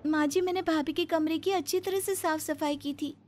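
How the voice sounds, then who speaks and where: A woman's voice: very high-pitched, steady tone, normal speed, darkish tone, faint music behind, pitched above the performer's own voice. A woman voicing a meek young newlywed daughter-in-law who pleads and defends herself in a cartoon story. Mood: pleading. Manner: timid, pleading.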